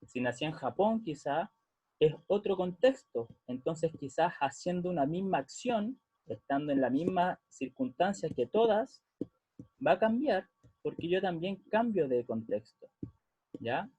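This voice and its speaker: A man's voice: on the high side, animated, unhurried, dark tone, breathy edge, dry recording. A man explaining music theory patiently in a lesson, often checking that the listeners follow. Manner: patient, checks understanding with frequent "¿ya?". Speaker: music teacher.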